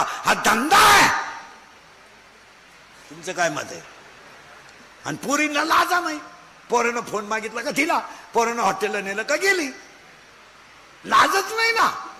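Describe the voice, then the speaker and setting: A man with a Marathi accent preaching a comic kirtan sermon, scolding the crowd, asking rhetorical questions and breaking into shouts. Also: very high-pitched, slight background noise. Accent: Maharashtrian Marathi. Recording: hall echo, faint ambience.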